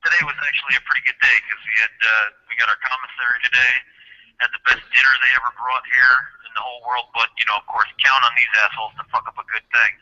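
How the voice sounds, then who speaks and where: A man's voice: mid-range voice, fairly even intonation, fast talker, bright, forceful tone. A man calling in from jail over a payphone line, chatting casually and griping bluntly with plenty of swearing. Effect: heard over a jail payphone line. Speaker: caller phoning in from jail. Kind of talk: casual chat. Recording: tinny phone line.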